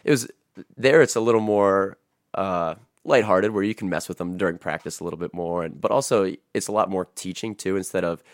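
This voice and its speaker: A man with a low voice and an American accent tells coaching stories in a relaxed way, full of "uh" and "you know." The recording is dry, with no room sound. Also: a little fast, no echo. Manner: easygoing, filler-heavy storytelling. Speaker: youth football coach. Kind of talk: casual podcast conversation.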